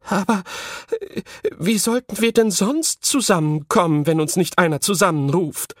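A man's voice: high-pitched, moderate pace, no room sound, clean studio sound, pitched above the performer's own voice. A man voicing a flustered, kindly good queen in a children's audiobook, hesitant and stammering. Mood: confused. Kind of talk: audiobook reading.

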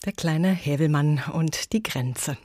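A woman's voice: sits low, takes it slowly, a little mellow, no echo, studio quality. A woman presenting a radio magazine from a script.

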